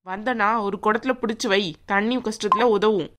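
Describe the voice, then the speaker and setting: A woman voicing a haughty young bride in a cartoon, sharp and sneering as she bosses others around. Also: medium pitch, fairly even intonation, normal speed, close to an everyday voice. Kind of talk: cartoon voice acting.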